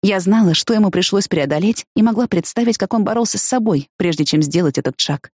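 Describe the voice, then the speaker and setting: A woman's voice: medium pitch, fast talker, no room sound, clean studio sound. Woman narrating a novel. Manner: expressive, lifts voice for excited quotes. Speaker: audiobook narrator. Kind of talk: first-person novel narration.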